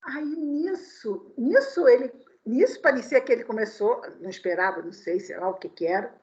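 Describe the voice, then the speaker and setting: A woman's voice: fairly high pitch, normal speed. A woman lecturing at a spiritist meeting, telling stories and asking her listeners rhetorical questions. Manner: animated storyteller, full of rhetorical questions. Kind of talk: sermon-style talk with personal anecdotes. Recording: dull lo-fi recording.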